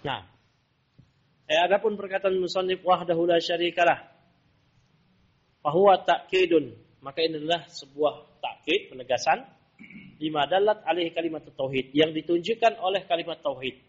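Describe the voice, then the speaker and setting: A man's voice: a little high, normal speed, pauses often, slightly rough. A man teaching a religious class, quizzing his students with rhetorical questions. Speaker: Islamic teacher. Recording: dull lo-fi lesson recording.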